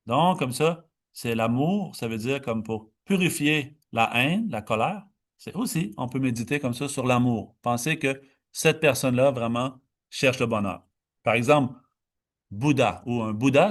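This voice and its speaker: A man teaching meditation in a dharma talk, explaining slowly, stretching key words and often restarting. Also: medium pitch, a bit bright.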